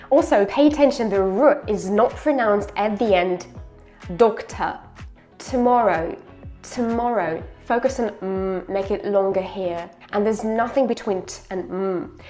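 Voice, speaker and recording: A woman pronunciation teacher giving a slow, careful lesson. She says each word twice, then explains where to put the tongue and jaw. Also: mid-range voice, a little mellow.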